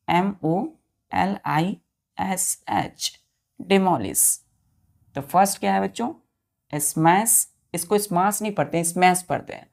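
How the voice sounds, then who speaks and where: A woman's voice: lowish voice, creaky, a little mellow. A woman teaching English vocabulary as a classroom-style lesson, spelling words letter by letter and quizzing her pupils. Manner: addresses listeners as children.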